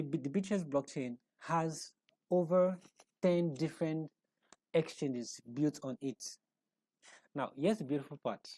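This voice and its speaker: Presenting an online explainer, a man with a slightly high, mellow, relaxed voice walks viewers through an on-screen demonstration, recorded close and dry with no echo. He often stops, restarts and repeats words while searching for the next phrase, checking in with rhetorical questions along the way.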